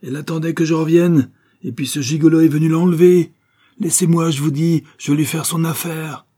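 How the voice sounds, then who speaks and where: A man voicing a jealous, hot-headed young man who shouts in a furious outburst, in a storybook reading. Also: low voice, steady tone, a little fast, breathy edge.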